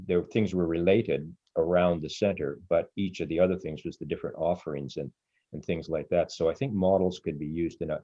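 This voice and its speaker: Low, dull-sounding man on a group call. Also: warm tone, no echo. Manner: rambling, thinking aloud with restarts. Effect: voice heard over a group video call. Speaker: webinar host. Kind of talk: casual discussion in an online group call.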